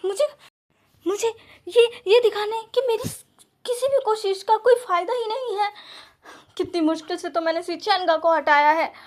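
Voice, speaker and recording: A woman's voice: sits high, steady tone, moderate pace, lightly acted. A woman voicing an obsessive, possessive young man who pleads and stammers in repeated words. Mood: desperate, pleading.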